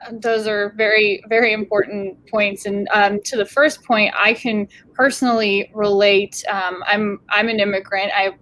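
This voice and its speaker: A woman's voice: mid-range voice, flat delivery, normal speed, hardly any pauses, a bit bright. Hesitant woman moderating a Q&A. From Bulgaria. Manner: hesitant, many fillers. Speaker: festival Q&A moderator. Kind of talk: moderating a filmmaker Q&A.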